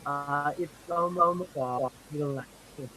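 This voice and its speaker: A man's voice: fairly high pitch, unhurried, bright, forceful tone. A man from Nepal introducing himself hesitantly on a video call, with many fillers. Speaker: meeting participant. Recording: distant mic, noisy line.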